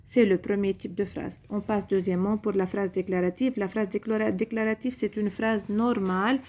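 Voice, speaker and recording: Young woman teacher going thru grammar real slow, soft mellow voice, says everything twice. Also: medium pitch. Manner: slow and deliberate, repeating each point. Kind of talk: recorded grammar lesson for pupils.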